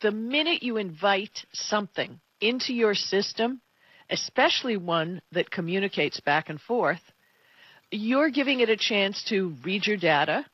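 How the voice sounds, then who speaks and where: A woman hosts a casual tech talk show with plenty of opinion. Her voice sits at a medium pitch and she leans on her points. The sound is very dry and a little dull, as on a lo-fi recording. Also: animated, unhurried, slightly rough, no room sound. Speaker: tech radio co-host.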